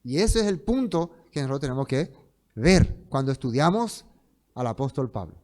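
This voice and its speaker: A man teaching a Bible study in sermon style, emphatic, with loud stresses that fall to soft trailing phrases, slowing down to read scripture. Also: mid-range voice, very animated. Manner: slows down to read scripture aloud.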